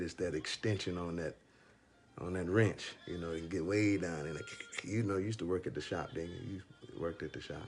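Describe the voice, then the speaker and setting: A man giving casual, rambling spiritual encouragement to one listener. He uses plain everyday wording, stops and restarts often, fills pauses with "you know", and chuckles as he talks. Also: deep voice, a little mellow. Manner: rambling and halting, with constant "you know" fillers; chuckles through his stories. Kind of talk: casual faith talk addressed to one listener.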